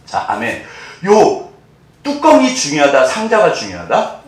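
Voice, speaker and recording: A man's voice: on the high side, huge pitch swings, a little slow. A male pastor preaching a sermon, keeps questioning the congregation and acting out the lines he quotes. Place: church sanctuary. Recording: echoey church hall from far off.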